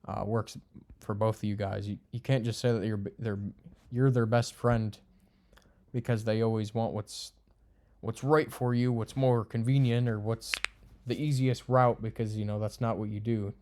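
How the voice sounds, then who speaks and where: A man's voice: on the low side, level tone, moderate pace, mellow. A young man giving casual, unscripted commentary to camera, blunt and crude, rambling with lots of fillers. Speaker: video creator ranking friend types.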